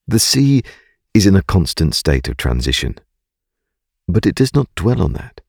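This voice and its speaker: A man narrating a scripted guided meditation in a calm, gentle, soothing and unhurried way. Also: deep voice, gravelly, husky, no room sound, clean studio sound.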